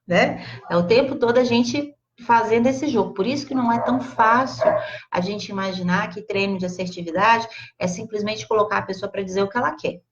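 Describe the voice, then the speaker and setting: A Brazilian woman with a Brazilian Portuguese accent giving a casual, expressive live class, chatting directly to her audience. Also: mid-range voice, brisk, slight background noise. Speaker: psychologist teaching a live class. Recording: slightly dull lo-fi livestream audio.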